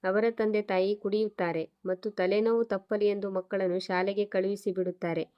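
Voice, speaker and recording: A woman's voice: mid-range voice, little pitch movement, moderate pace, clear, resonant tone, dull audio, natural voice. Lady reading as a strict scornful male teacher in a storybook, scolding, brushing people off. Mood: dismissive. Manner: scolding, dismissive. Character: stern scornful male Hindi schoolteacher.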